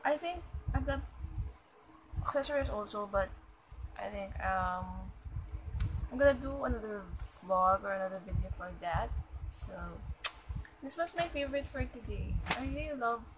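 A woman's voice: on the high side, lively intonation, moderate pace, long pauses, noisy background. A young adult woman with a Filipino accent, chatting casually as a vlogger in a haul video, recorded in a small room at home. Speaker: vlogger showing shopping haul.

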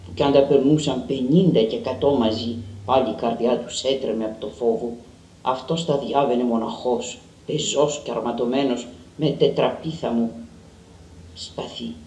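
Man reading a story slow and dramatic, mid-pitched, roomy far-off mic. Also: steady tone, a little mellow, slight background noise. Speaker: reader. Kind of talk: literary reading. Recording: roomy and distant.

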